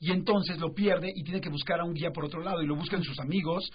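A man's voice: fairly high pitch, fairly even intonation, quick pace, breathy edge. A man with a Mexican accent, an author guest on a radio talk show, explaining animatedly with rhetorical questions and acted-out quotes. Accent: Mexican Spanish. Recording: dull radio broadcast sound.

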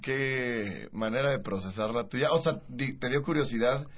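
A man's voice: mid-range voice, moderate pace, slightly rough. A Mexican man co-hosting a radio show, rambling and loose with many restarts. The sound is a muffled radio broadcast. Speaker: radio co-host. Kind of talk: casual radio chat.

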